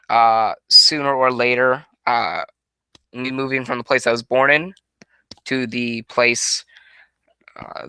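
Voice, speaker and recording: In a small room at home, a nineteen-year-old Connecticut man speaks into a headset microphone, answering viewer questions in a loose, rambling Q&A monologue with many restarts and self-corrections. His mid-range voice is sharp, clear and resonant, and there's no echo.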